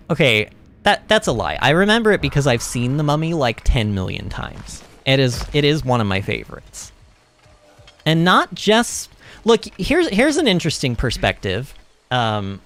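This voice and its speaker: A young man hosting a game livestream, chatting loosely and answering his chat as he plays. He rambles and laughs easily. His fairly high voice leaps up and down with lively swings in pitch. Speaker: streamer. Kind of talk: livestream gaming commentary.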